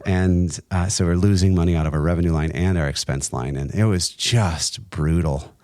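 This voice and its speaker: Deep-voiced man telling a faith story. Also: a little mellow, dry recording, studio quality. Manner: earnest, halting, many restarts, laughs between lines. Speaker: guest, entrepreneur and nonprofit co-founder. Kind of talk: casual interview storytelling.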